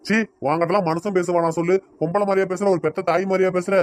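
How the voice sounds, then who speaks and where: A man voicing a fast-arguing cartoon father. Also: sits high, fairly even intonation, a little mellow, natural voice. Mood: heated. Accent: Tirunelveli Tamil. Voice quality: scolding, argumentative. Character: stubborn middle-aged father defending his daughter. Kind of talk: cartoon voice acting.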